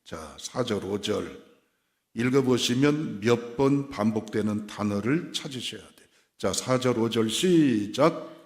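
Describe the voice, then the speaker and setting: A man preaches a sermon in a church sanctuary at a middle pitch. He moves from soft, close asides to loud, rising declarations and acts out short exchanges in other voices. The hall leaves a long reverb on every phrase. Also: animated, a little slow. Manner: plays voices of God and congregants with dialect phrases. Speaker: pastor.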